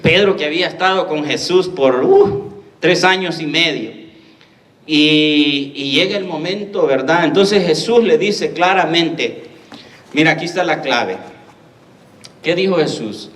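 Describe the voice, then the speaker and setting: A man's voice: a little high, unhurried, a bit bright, echoey room, recorded from a distance. A man preaching a sermon as pastor, asking the congregation questions as he speaks.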